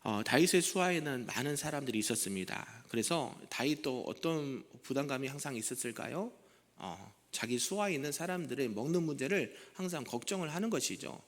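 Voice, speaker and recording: A man's voice: mid-range voice, expressive, a little fast, big-room sound. A male senior pastor giving an early morning prayer sermon, conversational, often putting questions to the congregation. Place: church sanctuary.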